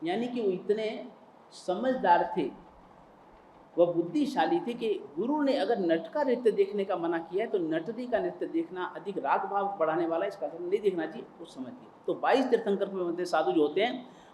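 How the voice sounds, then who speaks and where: High-voiced man preaching in an echoey hall. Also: moderate pace, dark tone, slight background noise. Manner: emphatic, repetitive phrasing. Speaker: Jain preacher. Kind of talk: religious sermon with storytelling. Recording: roomy hall with faint ambience.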